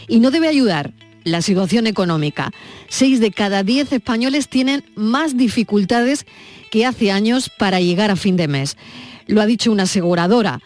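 Woman, radio host, measured news reading, soft music underneath. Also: mid-range voice.

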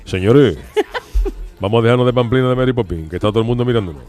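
A man's voice: mid-range voice, very fast, a little mellow, soft background music, natural voice. A man doing a dour stern grump. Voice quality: dry, stern delivery. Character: grumpy solemn man, fond of gloom.

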